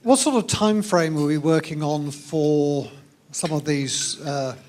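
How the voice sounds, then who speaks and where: A man speaking up from the audience on behalf of a church, asking his question haltingly with fillers. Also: fairly high pitch, darkish tone, slight background noise. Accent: Australian. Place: hotel function room.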